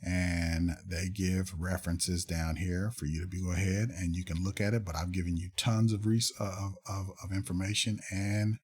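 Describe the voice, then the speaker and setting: Husky low-voiced man commenting. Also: level tone. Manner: halting, many fillers and restarts, reads aloud then comments. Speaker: commentator reviewing fact checks. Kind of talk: casual commentary reading articles aloud.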